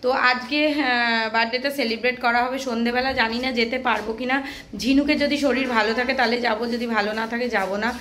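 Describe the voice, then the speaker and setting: A woman from Kolkata chatting casually in a home vlog, hoarse from a sore throat and sounding weary and fretful. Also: a little high, steady tone, quick pace, fairly bright tone. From Kolkata, West Bengal. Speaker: vlogger, mother of a baby. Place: home indoors.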